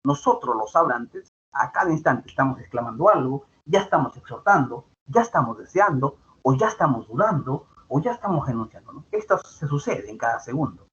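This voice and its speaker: A man's voice: mid-range voice, lively intonation, a little fast, fairly bright tone. A male teacher giving an online grammar lesson, explaining patiently and repeating his points with tag questions. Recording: dull lo-fi sound with faint background noise.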